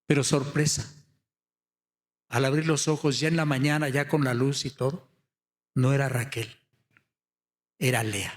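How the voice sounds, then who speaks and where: A man preaching a sermon, telling the story with many rhetorical questions and building to loud, impassioned emphasis. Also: medium pitch, steady tone, a little slow, long pauses.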